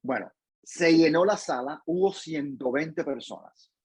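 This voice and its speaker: A man's voice: on the high side, measured pace, breathy edge, dry recording, rough recording. A Cuban man answering interview questions in a thoughtful way, with frequent restarts and tag questions. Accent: Cuban Spanish. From Cuba. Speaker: interview guest, professor.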